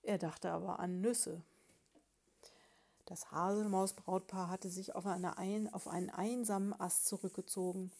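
Brief: woman storyteller, scripted storybook narration, mellow tone, mid pitch. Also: steady tone, measured pace, creaky.

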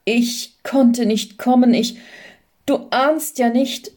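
Woman doing a grieving young husband, storybook, halting, shaken, mellow voice. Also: a little high. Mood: pained.

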